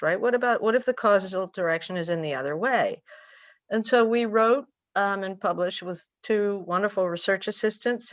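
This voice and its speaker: A woman's voice: on the low side, fairly bright tone, no room sound, studio quality. An older woman from Peru, a guest economist, talking eagerly and at length on a video call from her home, with frequent restarts. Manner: enthusiastic, talkative, frequent restarts. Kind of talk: conversational interview answers. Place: home room with curtains and window.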